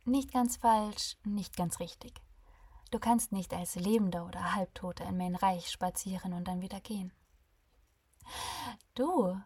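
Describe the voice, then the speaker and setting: A woman voicing a calm female ferryman between life and death, warm and friendly with a sarcastic bite, in a breathy voice. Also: mid-range voice, a little slow, long pauses. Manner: warm, friendly, softly teasing.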